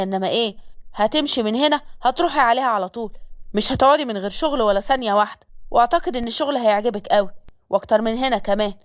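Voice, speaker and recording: A woman's voice: fairly high pitch, natural voice. A woman voicing a harsh young man who is the boss, giving orders in a scolding, commanding Egyptian manner.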